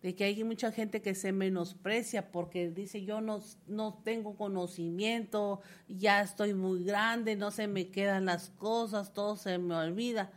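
A woman's voice: mid-range voice, steady tone, a little slow, few pauses. Fervent woman preaching a sermon. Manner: fervent, builds to emphatic repetition.

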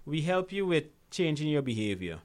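A Guyanese financial literacy coach joins a conversational interview as a guest, telling animated stories about money habits and often checking in with "right?". His voice is a little high and his pace normal.

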